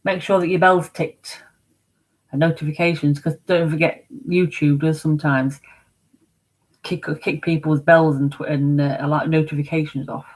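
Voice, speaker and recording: A woman's voice: low-pitched, steady tone, moderate pace, rough recording. A woman hosting a casual morning livestream chat from home, rambling about her week and answering comments from her viewers. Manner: chatty, rambling, reads chat comments aloud. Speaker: livestream host.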